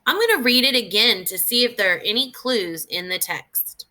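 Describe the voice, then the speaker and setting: With a fairly high pitch, a female teacher reads aloud from a nonfiction book for children, taking it slowly and expressively and pausing to think aloud for the little ones.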